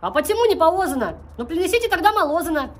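A man voicing a cheeky, naive six-year-old boy with a childish lisp in a comedy sketch, his voice pitched up. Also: sing-song, racing. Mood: demanding, stubborn.

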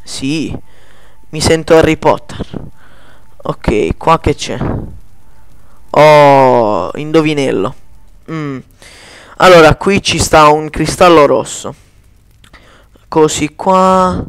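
A man giving casual gameplay commentary in speech, chatty, cursing at lag and slowly chanting spell words. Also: on the high side, clear, resonant tone, no echo.

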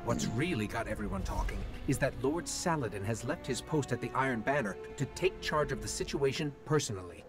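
A man voicing a wry soldier giving a brisk mission briefing in a video game. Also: medium pitch. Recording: game audio with music.

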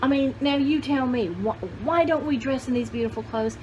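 This vlogger, a woman in her sixties, has a high, slightly mellow voice and talks at a moderate pace, though the recording sounds muffled. She displays vintage paper dolls while chatting loosely and thinking aloud, in a cluttered room at home with noticeably noisy sound.

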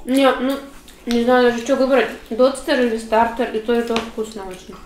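Higher-voiced woman talking with mouth full. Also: steady tone, moderate pace, a little mellow, roomy sound, a little hiss or hum, rough recording. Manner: chatty, savoring and praising the food. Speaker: mother in a family eating vlog. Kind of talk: casual family chat while eating.

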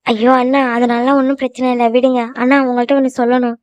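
A woman doing a flustered, fast cartoon girl. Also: fairly high pitch, flat delivery, darkish tone, dry recording, dull audio, natural voice. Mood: earnest. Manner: stammering, hurried. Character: young woman, flustered and evasive.

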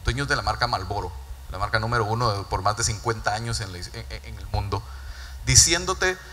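A man's voice: fairly low pitch, brisk, pushed and bright, a little hiss or hum. A Guatemalan man in his thirties gives an earnest conference keynote on a large stage, speaking into a handheld mic and often repeating words as he builds his points. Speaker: corporate speaker. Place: large dark event stage. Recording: reverberant stage hall.

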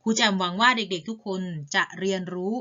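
A woman's voice: medium pitch, fairly even intonation, a little fast, pushed and bright, highs cut off. A woman teaching a reading lesson to primary school children in a patient, polite way. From Thailand.

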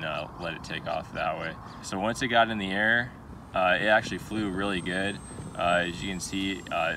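A young man hosting a hobby video, talking casually on camera at an open airfield with lots of filler uhs. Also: low-pitched. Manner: relaxed, many filler uhs. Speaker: RC hobby channel host. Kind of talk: casual on-camera vlog talk. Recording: outdoor noise behind.

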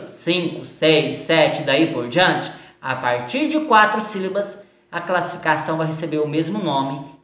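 A woman teacher with a Brazilian Portuguese accent going over exercises in a recorded lesson, slow and patient, stretching words out syllable by syllable. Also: lowish voice, fairly bright tone. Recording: echoey room sound.

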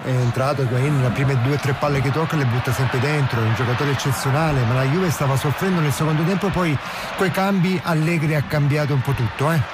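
Man giving football analysis over loud noise. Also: medium pitch, brisk. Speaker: football co-commentator and pundit. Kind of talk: live radio match analysis. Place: outdoor football stadium. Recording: very noisy outdoor stadium broadcast.

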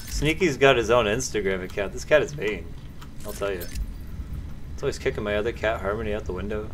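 A man's voice: lowish voice, fairly quick. A man in his thirties giving casual, playful live commentary on a game, swearing and chatting to himself and viewers. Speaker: game streamer. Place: small indoor streaming room. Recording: clear noise of game sounds and vehicles.

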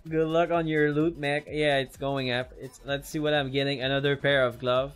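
A man commentating live on his own gameplay as a streamer, excitable and tacking "man" onto nearly every line. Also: medium pitch, moderate pace, clean tone, faint music behind. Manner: excitable, repeats "man" constantly. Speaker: game streamer.

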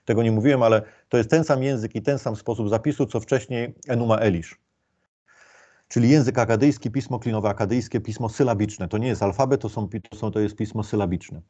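A man's voice: fairly low pitch, a little fast, dark tone, breathy edge. A man giving an informal lecture, explaining step by step with many fillers and restarts.

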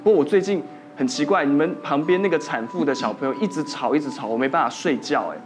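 A man with a Taiwanese Mandarin accent, a doctor guest on a TV talk show, telling a spooky hospital story in soft, trailing sentences. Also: a little high, fast talker, over music.

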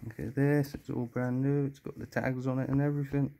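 Here a man speaks briskly in a mellow, medium-pitched voice with vocal fry and a level tone. As an urban exploration vlogger, he mutters sweary, easygoing remarks to himself and his viewers while exploring a dusty, cluttered abandoned house. The recording is handheld, on a phone or camera, and noisy with clicks.

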